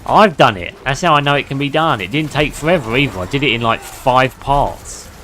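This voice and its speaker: A man's voice: medium pitch, animated, brisk, sharp tone, slight background noise. A man giving casual gameplay commentary as a streamer, chatty, swearing freely and laughing often. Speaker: gaming streamer.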